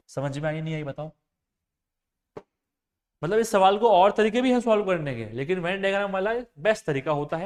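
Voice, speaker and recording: A man with a high-pitched voice gives an exam-prep maths lecture. He works through each problem step by step, mixing in terms, and keeps asking his students whether they follow. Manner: explains step by step, often asks students if they understood. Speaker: maths and reasoning teacher.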